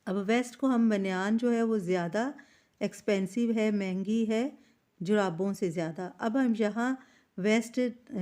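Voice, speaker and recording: Woman teacher, unhurried and patient, warm low-key voice walking through workbook answers. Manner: slow and explanatory, reads English sentences aloud word by word. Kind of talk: explaining an English workbook lesson.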